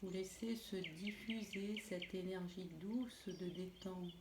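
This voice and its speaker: A woman leading a guided relaxation in a soothing, gentle, unhurried manner. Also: fairly low pitch, fairly even intonation. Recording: roomy echo, clear background noise, birdsong. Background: birdsong and nature ambience.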